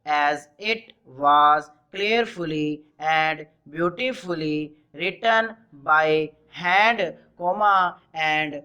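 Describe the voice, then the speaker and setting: Very slow, bright voice dictating text. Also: mid-range voice, clear, resonant tone, lo-fi sound. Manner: dictating in short measured chunks, announcing punctuation. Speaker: dictation reader. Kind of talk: slow dictation exercise, reading phrase by phrase with spoken punctuation.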